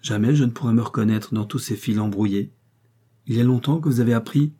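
A man voicing a shy, kind young woman who asks timid, gentle questions in a storybook reading. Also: medium pitch, fast, slightly rough, close to an everyday voice.

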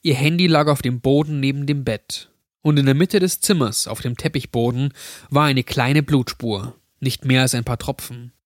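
A man calmly narrating a scripted horror story, recorded close to the mic. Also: medium pitch, normal speed, no echo.

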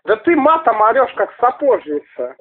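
A man making a prank call, casually needling with halting questions. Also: extremely high pitch, sing-song. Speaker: prank caller. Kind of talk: casual, needling phone chat. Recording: noisy, tinny phone line.

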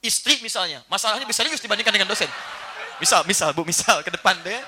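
Animated bright-voiced man preaching. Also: sits high, fast talker, noisy background. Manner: animated, playful, acts out little household scenes. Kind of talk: religious lecture to a live audience.

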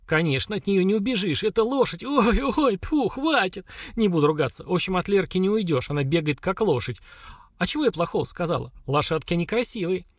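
A man voicing a sulky, hungover young woman warrior who whines and wails in a high voice. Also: lively intonation, a little fast, no room sound, studio quality. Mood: whining. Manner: high, complaining, wailing.

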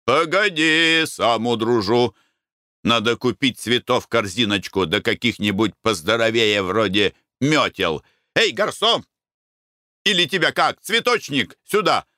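A man voicing a coarse, rowdy middle-aged merchant who shouts and curses boisterously. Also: mid-range voice, lively intonation, unhurried, no room sound, clean studio sound. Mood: gleeful scheming.

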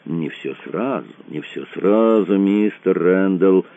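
A man's voice: mid-range voice, big pitch swings, measured pace, pitched above the performer's own voice. A man voicing a huge, cheerful male board chairman with a teasing manner, in a tinny, dry recording. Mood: jovial. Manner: cheerful, mocking. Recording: tinny phone-like dry sound.

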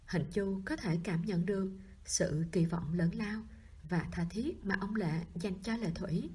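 Soft breathy woman narrating a novel. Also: mid-range voice, a little slow. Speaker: audiobook narrator.

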